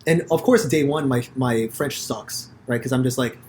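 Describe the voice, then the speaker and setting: A man from the United States hosting a podcast, telling stories in a rambling, profane, animated way with many restarts. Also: medium pitch, moderate pace, slight background noise. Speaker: podcast host. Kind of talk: casual conversation.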